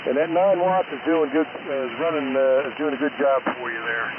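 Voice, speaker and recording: A man chatting casually on a radio net in a halting, rambling way, heard through a military radio and its microphone. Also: mid-range voice, fairly even intonation. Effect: two-way military radio transmission. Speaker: amateur radio operator on a net. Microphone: military dynamic microphone on a field radio. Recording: narrow tinny radio link, loud static noise.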